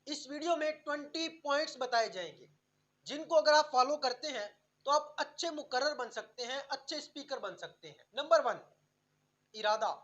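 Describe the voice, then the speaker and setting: Woman instructor, scripted tutorial narration, fairly high voice, muffled lo-fi sound. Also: lively intonation, a bit bright. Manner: clear numbered list delivery, instructive. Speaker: speaking skills instructor.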